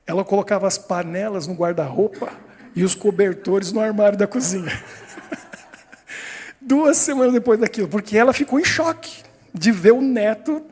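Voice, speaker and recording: A Brazilian man in his fifties, a pastor telling a story in a sermon, with a high, slightly husky voice. He acts out the people in his story with animated voices, and his words ring out with the long reverb of a church hall. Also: moderate pace. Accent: Brazilian Portuguese. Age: 50s.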